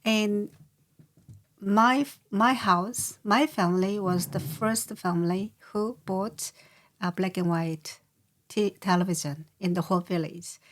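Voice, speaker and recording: An older Korean-accented woman speaks as an interview guest, unhurried and halting, stopping often to search for words. Her voice sits at a middle pitch, and she talks at a slow, careful pace. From South Korea. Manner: slow, hesitant, many pauses and fillers. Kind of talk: casual interview.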